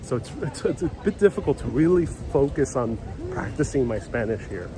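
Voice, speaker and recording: Out on a city street, a New Yorker with Puerto Rican roots hosts a casual travel live stream, talking in a rambling, conversational manner full of restarts. He speaks at normal speed in an expressive mid-range voice, with traffic and street noise behind.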